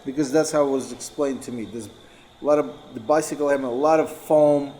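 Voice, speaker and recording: A man telling stories in a relaxed group conversation, rambling and often correcting himself mid-sentence. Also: mid-range voice, a little fast, slight background noise, rough recording. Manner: rambling, self-correcting storyteller. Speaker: dancer and co-host. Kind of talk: casual chat.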